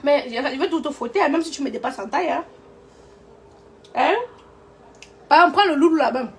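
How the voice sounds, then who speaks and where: A woman hosting a casual live stream on her phone, animated and often calling out loudly while laughing. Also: high-pitched, a little fast. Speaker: livestream host.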